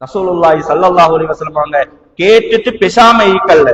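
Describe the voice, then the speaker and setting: Speaking at normal speed, a Sri Lankan Tamil male preacher with a high, somewhat bright voice delivers a story-filled sermon in a big mosque hall with an echoing sound. His style is dramatic and emphatic, marked by repetition and rhetorical questions.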